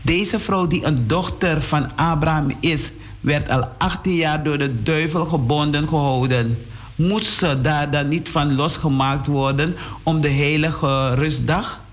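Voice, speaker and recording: A man preaching a sermon on the radio, whose voice jumps up in pitch and speeds up at times. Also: unhurried. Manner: preaching with sudden rises in pitch and pace. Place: radio studio.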